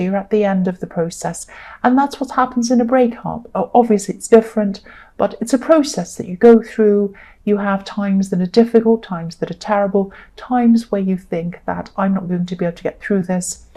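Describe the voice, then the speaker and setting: A woman giving a solo tarot reading, talking gently and reassuringly with many ums. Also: mid-range voice. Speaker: tarot reader.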